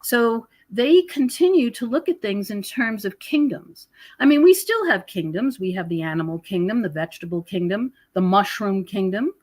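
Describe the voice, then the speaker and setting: Appearing on a podcast, a US researcher of prophecy and UFOs talks through her ideas in a conversational, emphatic manner. Her mid-range voice is expressive and a little mellow, moving at a moderate pace.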